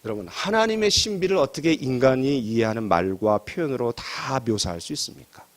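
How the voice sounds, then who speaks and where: A man's voice: mid-range voice, lively intonation, brisk. A middle-aged male pastor preaching a sermon, asking the congregation rhetorical questions and acting out quoted asides.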